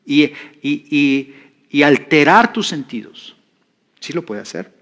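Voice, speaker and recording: A man's voice: on the high side, very animated, takes it slowly, fairly bright tone. A man preaching in a teaching style, conversational and repeating key phrases for emphasis. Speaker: pastor teaching a class. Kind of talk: sermon teaching.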